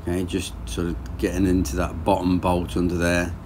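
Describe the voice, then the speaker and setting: A man's voice: deep voice, normal speed, slight background noise. A man in his thirties casually narrating his engine rebuild as he works in a garage, thinking aloud. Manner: relaxed, plain-spoken, thinking aloud while working. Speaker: boat engine rebuild vlogger.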